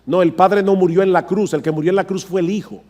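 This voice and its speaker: A man's voice: high-pitched, steady tone, quick pace, warm tone. A man preaching a sermon, emphatic, repeating himself for stress and speaking straight to his congregation. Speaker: pastor.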